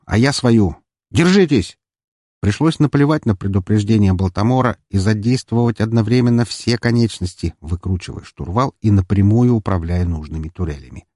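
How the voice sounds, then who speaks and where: A man narrates an action scene of a sci-fi audiobook in the first person. His voice sits low and mellow, and he reads in a steady, measured way. The close mic sounds dry and without any room. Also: no echo.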